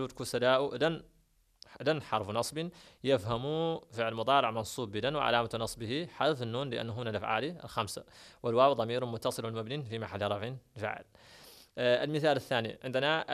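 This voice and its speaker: A man leads a grammar lesson at a brisk clip. He walks through each rule step by step and repeats the examples. His pitch sits in an ordinary middle range. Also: a bit bright. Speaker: Arabic grammar teacher.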